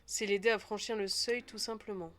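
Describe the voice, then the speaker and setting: A woman's voice: mid-range voice, fairly even intonation, normal speed, natural voice. A woman voicing a solemn death-worshipping cult woman in a shroud, reading game dialogue aloud.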